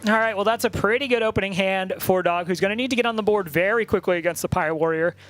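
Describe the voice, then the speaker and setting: A man casting a card game tournament, talking through plays with quick joking banter. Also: sits high, fairly bright tone. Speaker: esports caster. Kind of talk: play-by-play commentary.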